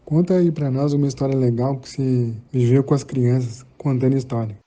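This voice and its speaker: A man's voice: medium pitch, steady tone, fairly quick, dark tone. A man interviewing a storyteller with casual questions.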